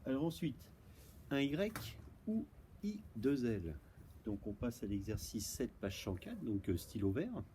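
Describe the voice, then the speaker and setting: Patient French teacher spelling out words. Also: male voice, medium pitch, very animated, unhurried, mellow, a little hiss or hum, poor audio. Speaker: primary school teacher. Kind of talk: recorded homework correction for pupils at home. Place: outdoors, windy.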